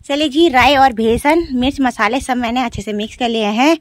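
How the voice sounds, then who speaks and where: A woman's voice: fairly high pitch, brisk, dry recording. Chatty young woman vlogging outdoors. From Uttarakhand, India. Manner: chatty, explains as she cooks and walks. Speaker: village vlogger. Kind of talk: casual vlog narration. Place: outdoors in a mountain village. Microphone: phone camera held at arm's length.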